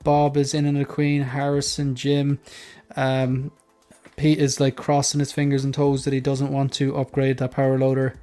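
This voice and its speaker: A man's voice: medium pitch, monotone, moderate pace, dark tone, faint music behind. A man hosting a casual panel chat, rambling a little and repeating words as he goes. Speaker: host of a hobby panel show.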